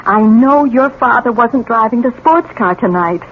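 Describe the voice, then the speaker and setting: A woman's voice: a little high, expressive, normal speed, close to an everyday voice. Actress as loving earnest mother, middle-aged, morally firm, radio drama, narrow tinny broadcast, light hiss. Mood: pleading, tender. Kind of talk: 1970s radio drama acting.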